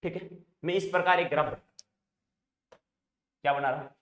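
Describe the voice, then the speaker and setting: A man's voice: fairly high pitch, moderate pace, a bit bright. A male teacher giving a math lesson, asking questions and answering them himself over and over. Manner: repetitive call-and-response questioning. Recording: echoey room.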